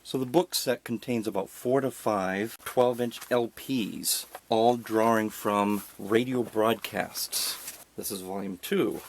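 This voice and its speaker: A man with a fairly low voice slowly narrates a casual tour of his home, showing off his collection with wry, self-deprecating remarks along the way. A slight hiss or hum sits in the background.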